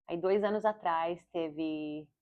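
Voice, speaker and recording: Woman, forties, American-accented Portuguese, low voice, rambling video diary, slightly dull audio. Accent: Portuguese with an American English accent. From Brazil. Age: 40s. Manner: fast, rambling, with self-corrections. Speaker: vlogger and comedian.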